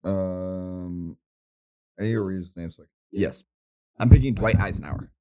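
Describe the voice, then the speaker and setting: A man's voice: deep voice, fast, dark tone. A young man co-hosting a podcast, chatting casually and teasing his friends. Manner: joking, teasing banter. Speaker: podcast co-host. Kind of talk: casual chat.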